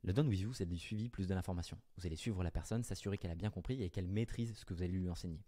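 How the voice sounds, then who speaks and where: Speaking straight to the camera, a business coach walks viewers through offers in a quick, no-nonsense manner, fixing his own wording along the way. His voice is low and mellow.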